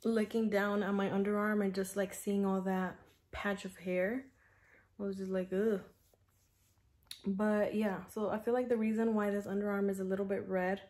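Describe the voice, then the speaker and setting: A woman's voice: medium pitch, a little mellow. Chatty young woman vlogging at home. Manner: chatty, filler-heavy, frank. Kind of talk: casual vlog talk to camera.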